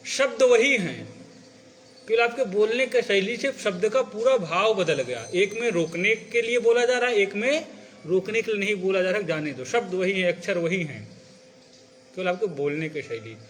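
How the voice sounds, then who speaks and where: A high-pitched man lectures a classroom on recitation. He explains step by step and keeps asking whether his students are following. A faint hum of noise sits behind his voice. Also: expressive, moderate pace. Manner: patient, checks understanding with repeated questions; demonstrates phrasing by reciting example lines. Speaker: teacher of scripture recitation.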